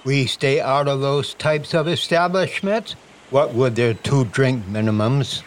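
An actor playing a prim, superstitious dockmaster in a comedic noir audio drama. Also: male voice, medium pitch, unhurried, a little hiss or hum, lightly acted. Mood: matter-of-fact. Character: ominous, prim male dockmaster with superstitious warnings.

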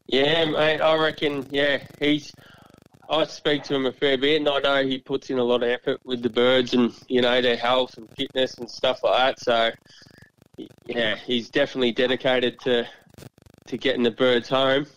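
Laid-back, matey Aussie bloke. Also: male voice, medium pitch, level tone, moderate pace, a bit bright, clean tone, muffled recording. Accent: Australian. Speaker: pigeon racer interviewed as guest. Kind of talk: casual chat.

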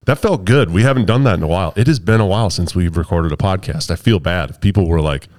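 Playful low-voiced male podcast host. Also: fast talker, a little mellow. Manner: playful and jokey, laughs often. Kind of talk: casual podcast chat.

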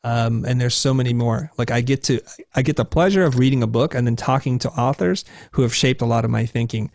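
A man being interviewed as a guest, telling stories from his career in an animated way. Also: medium pitch, brisk, creaky, no echo, clean studio sound. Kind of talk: interview conversation.

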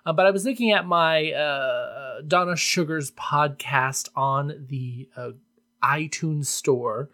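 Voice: medium pitch, slow, bright, forceful tone. Campy podcast host just chatting away solo, tongue in cheek, mid-range voice. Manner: campy, tongue-in-cheek, addresses listeners as darlings. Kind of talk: casual solo podcast chat.

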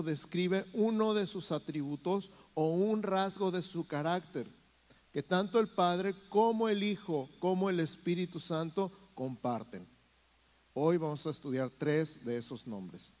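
A man's voice: on the high side, darkish tone, long reverb tail. A man preaching a teaching sermon, reading scripture aloud and addressing the congregation. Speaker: pastor. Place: church hall.

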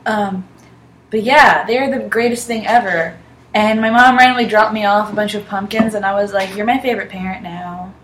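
Roomy echo and faint background noise surround a young woman talking on a podcast, where she's either co-host or guest. Her voice is medium-pitched and a bit bright, moderately paced, and she rambles along in a quirky, dryly funny way.

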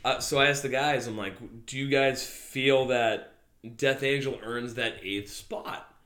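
A man's voice: medium pitch, fairly even intonation, unhurried, a bit bright. A man co-hosting a casual podcast. He lays out a discussion topic with many "um"s and restarts. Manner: hesitant, many "um"s and restarts while laying out a topic. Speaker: podcast co-host. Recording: roomy echo.

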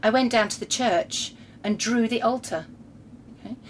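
A woman with a fairly high voice reads her old diary entries aloud in a relaxed podcast chat. She keeps her delivery dry and wry, dropping in deadpan comments between the entries. There is a faint hiss of noise under her voice. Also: moderate pace. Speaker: host reading her teenage diary.

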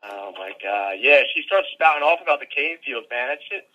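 Man, podcast co-host, bright voice, muffled lo-fi sound, eager slangy chat. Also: mid-range voice, lively intonation, moderate pace. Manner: enthusiastic, slangy, keeps saying man.

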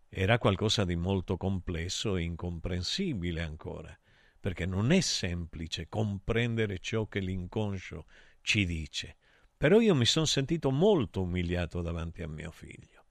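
With a fairly low voice and no room sound, a middle-aged host reads out listener messages and tells them personal stories. He speaks directly to his audience, emotional and digressive, in the manner of an intimate confessional monologue.

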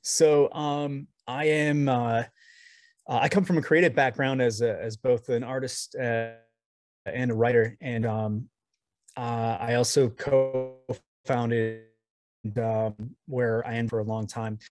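A man's voice: medium pitch, steady tone, slow pace, darkish tone. A man, a guest in an interview, talking over a video call with a shaky connection, rambling and restarting his sentences often. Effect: heard over a video call with a shaky connection. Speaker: guest, comics editor. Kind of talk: casual interview talk.

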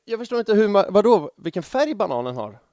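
A man's voice: sits high, sing-song, a little mellow, no echo, studio quality. A man hosting a podcast in casual chat, rambling and poking fun at himself. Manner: chatty, rambling, self-mocking. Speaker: podcast host.

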